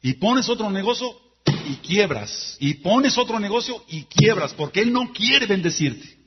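A man preaching a sermon forcefully, dropping to low intense tones and rising to loud exhortation, with a husky voice. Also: animated, unhurried, lo-fi sound. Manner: forceful preaching, swings from low intense murmurs to shouted praise.

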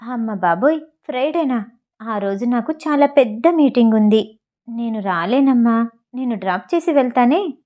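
A woman reading the lines of a playful, loving young wife and mother, softly and gently. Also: a little high, lively intonation, moderate pace, lo-fi sound, natural voice.

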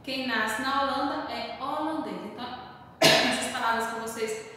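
High-voiced teacher in an echoey room. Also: female voice, bright, forceful tone. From Brazil. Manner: slow, careful word-by-word dictation, stressing syllables; calls herself "tia" in the third person. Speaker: primary school teacher. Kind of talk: remote class lesson, correcting exercises. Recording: distant mic in echoey room with faint hiss.

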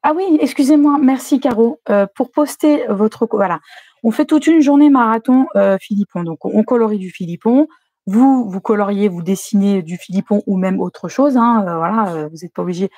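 A woman's voice: mid-range voice, normal speed, mellow, dry recording. A woman hosting a live stream, chatting casually and greeting viewers as she reads the chat.

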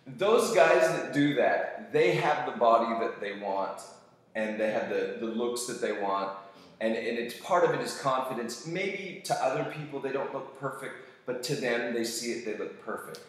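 A man's voice: medium pitch, moderate pace. Enthusiastic man in a very echoey room. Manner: enthusiastic, animated, acts out voices when quoting. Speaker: teacher giving a fitness talk. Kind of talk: casual motivational talk to students.

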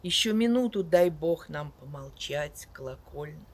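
An older woman reciting verse outdoors in a dramatic declamatory style, measured and expressive, swelling on key words and letting line endings fall. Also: low voice, breathy edge. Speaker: poet reciting another poet's verse. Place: outdoors in a leafy garden beside a wooden house and on wooded paths.

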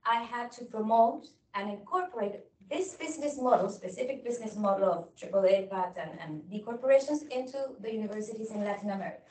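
A woman from Chile, a native Spanish speaker in her thirties, gives a guest lecture over a video call, often pausing on fillers and restarting sentences. Her voice sits a little high and sounds set back from the laptop mic. The room around her is echoey. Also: darkish tone, far from the mic. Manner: hesitant with many fillers and apologetic restarts. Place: indoor room. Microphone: laptop microphone on video call.

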